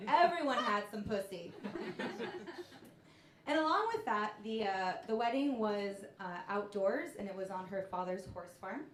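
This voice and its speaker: A woman in her thirties doing a stand-up comedy set, telling stories in a deadpan way. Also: mid-range voice, slight background noise. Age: 30s. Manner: deadpan storytelling with punchlines. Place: comedy club stage with laughing audience. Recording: echoey club room.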